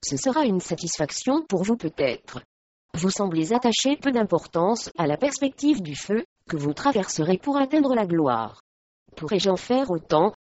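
A woman's voice: medium pitch, sing-song, moderate pace, highs cut off, a little hiss or hum, close to an everyday voice. A woman reading the lines of a nobleman in a storybook, speaking firmly and earnestly. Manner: sharp, then earnest. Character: irritable nobleman, tender with his wife.

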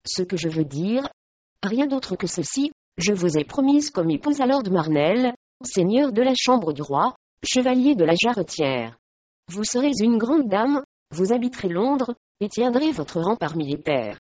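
A woman's voice: mid-range voice, very animated, a little slow, darkish tone, dry recording, dull audio. A woman reading the part of a stern, irritable medieval lord who scolds his household.

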